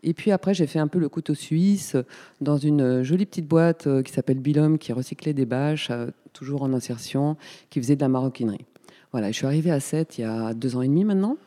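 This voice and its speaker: A woman in her fifties from Paris, talking as a guest in a casual radio interview, chatty and pausing often with fillers. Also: deep voice, warm tone, long reverb tail. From Paris, France. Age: 50s. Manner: chatty, hesitant with many fillers. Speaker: guest, community space coordinator.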